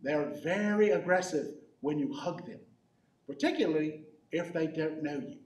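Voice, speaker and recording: A man playing a goofy, bumbling croc-hunting adventurer for a kids' comedy skit, rambling with deadpan jokes. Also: a little high, moderate pace, lightly acted. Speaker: children's ministry skit character. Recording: echoey hall from far off.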